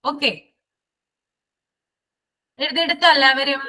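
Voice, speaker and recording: Lady teacher doing a live class online, high bright voice, says each item twice for notes. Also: fairly even intonation, low-quality recording. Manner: repeats lists slowly for students to write down.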